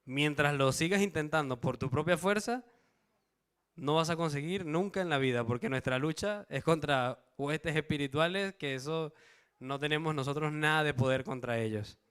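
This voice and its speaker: At normal speed, a man with a fairly high, fairly bright, smooth voice preaches a Bible study sermon to a church congregation. He reads verses, poses questions to the congregation and checks in with them.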